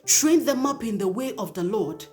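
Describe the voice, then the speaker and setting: A woman's voice: fairly high pitch, lively intonation, normal speed, dark tone. Woman host, earnest pleading exhortation, faint music underneath. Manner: earnest, pleading, emphatic repetition. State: emotional. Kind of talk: spoken exhortation to parents.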